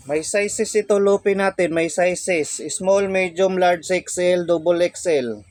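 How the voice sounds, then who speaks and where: A man's voice: sits high, takes it slowly, a little mellow, dry recording. A man casually showing off costumes for sale, chatty and repetitive, correcting himself as he goes. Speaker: online seller showing costumes. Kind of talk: casual product showcase vlog.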